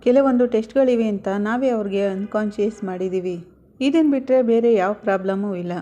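A calm hospital doctor explains the injury and reassures the family, read by a woman narrator. The voice is mellow and even, close to her ordinary talk. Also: medium pitch, a little fast, lightly acted.

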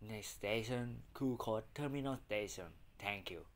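A man giving a formal, measured pre-recorded train station announcement. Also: on the low side. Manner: formal, measured, evenly spaced phrases.

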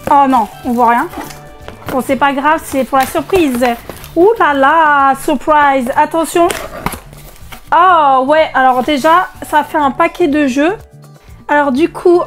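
A woman unboxing video games in a casual vlog, excitable and chatty, with a strained voice she tries not to push. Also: high voice. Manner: excitable, chatty, many fillers. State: strained voice, holding back from shouting. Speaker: vlogger.

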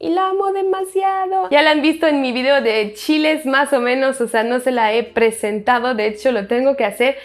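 A woman's voice: high voice, steady tone, a little fast, hardly any pauses. A French woman in her twenties, a native French speaker, chatting casually in a Q&A vlog and reading out viewer questions. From France. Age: 20s. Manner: chatty and self-deprecating, reads viewer questions aloud. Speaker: YouTube vlogger.

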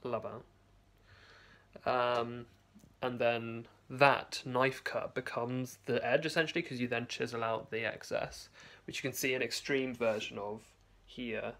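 A man's voice: medium pitch, fairly even intonation, a little slow, a bit bright. A young man chatting casually to a phone camera in his home basement, rambling with many restarts and fillers. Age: young adult. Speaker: vlogger. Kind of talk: casual video diary. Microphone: phone camera held close.

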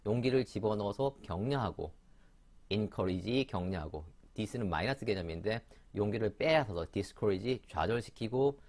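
Low-voiced man teaching vocabulary. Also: expressive, moderate pace, darkish tone. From Korea. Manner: chatty, with frequent fillers and self-corrections. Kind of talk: explanatory vocabulary lesson.

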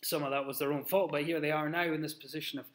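Here a man in his thirties gives a sermon into the webcam on his desk, sitting in a plain little room. He sounds earnest and emphatic in a slightly high voice with fairly even intonation, stopping and restarting as he goes.

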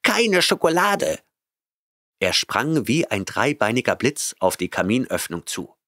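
A man narrating a science-fiction audiobook in a measured, even storytelling manner on a close studio mic. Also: on the low side, no echo. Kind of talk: scripted narration.

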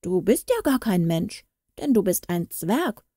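A woman voicing a small, proud male dwarf who grumbles and lectures, read slowly in a storybook. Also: medium pitch, big pitch swings, warm tone, husky, no echo, clean studio sound. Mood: indignant.

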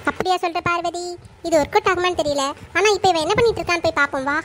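A woman's voice: extremely high pitch, rapid-fire, heavy background noise. A woman voicing a strict, grumbling middle-aged cartoon mother-in-law who nags and complains in Tirunelveli Tamil. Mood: scolding. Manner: nagging, complaining, bossy.

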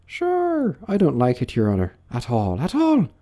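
A man's voice: high voice, animated, moderate pace, pitched above the performer's own voice. A man voicing a simple, deferential animal servant, plaintive yet stubborn, in a storybook. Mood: reluctant.

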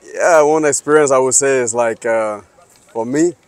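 A man from Liberia in his thirties talks earnestly in a street interview on a sunny square. He speaks at a middle pitch and searches for words as he goes. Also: moderate pace, smooth, dry recording. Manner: hesitant, many fillers and restarts, earnest. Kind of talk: casual street interview answers. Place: sunny city square outdoors.

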